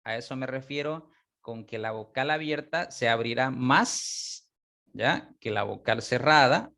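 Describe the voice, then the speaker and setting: A male teacher delivers a lesson at an unhurried, deliberate pace. He stretches out example words and keeps pausing to ask whether the class follows. His pitch sits in an ordinary middle range for a man. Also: creaky, bright, forceful tone. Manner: patient, repeats example words slowly and checks understanding. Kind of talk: online class lecture.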